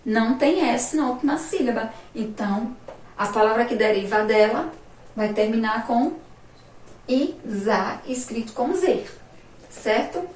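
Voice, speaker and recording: A woman's voice: a little high, unhurried, darkish tone. A woman teacher from Sergipe in Brazil giving a remote lesson to primary pupils, drawing out words, asking questions and praising the answers. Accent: Brazilian Portuguese, Sergipe. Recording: echoey room, voice from far off, faint noise.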